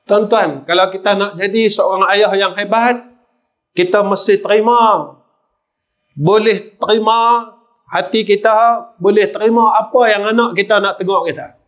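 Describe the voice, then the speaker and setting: An older man with a Kedah Malay accent preaches to a congregation, telling stories and often turning to speak to the listeners directly, repeatedly calling them sirs. His voice sits high and a bit bright, with a steady tone and a measured pace.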